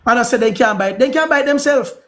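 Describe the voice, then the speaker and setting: A man's voice: extremely high pitch, rapid-fire. A man with a Jamaican accent hosting a livestream, delivering a preachy, repetitive, heated monologue. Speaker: livestream host.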